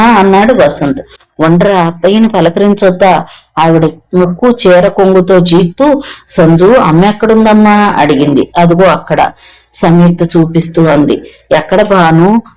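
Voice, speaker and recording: A man with a notably high voice narrates a novel in an audiobook reading. His delivery is steady and even, keeping to a calm storybook pace. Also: rough recording.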